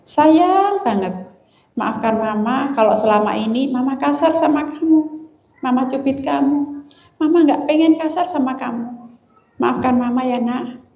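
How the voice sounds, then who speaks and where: A woman voicing a remorseful mother who speaks softly and pleads with her daughter. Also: sits high, measured pace. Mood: tender. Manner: soft, pleading. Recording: roomy hall echo.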